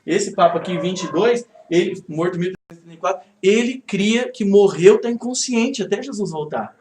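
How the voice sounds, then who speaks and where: A man, a pastor teaching a Bible study to a live group in a conversational, animated way, often checking in with his listeners. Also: sits high, a little fast. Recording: echoey room, faint background noise.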